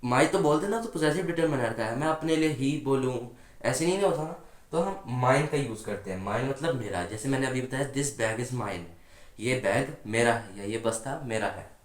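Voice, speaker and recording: A man's voice: mid-range voice, lively intonation, a little fast, echoey room. A man teaching a grammar lesson patiently, often asking his students questions and answering them himself. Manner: patient, asks the class rhetorical questions. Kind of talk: explanatory classroom lesson.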